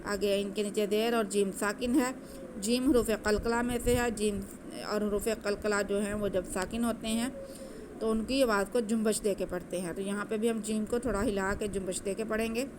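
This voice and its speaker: A woman teaching Quranic recitation, patiently explaining each letter and then chanting the words slowly. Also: mid-range voice, steady tone, noisy background.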